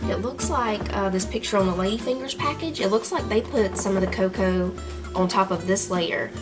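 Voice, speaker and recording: A woman's voice: mid-range voice, moderate pace, over music. A woman with a Southern US accent, chatting homily through her garden and kitchen in a casual vlog, laughing easily as she goes. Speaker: home cook and gardener, channel host.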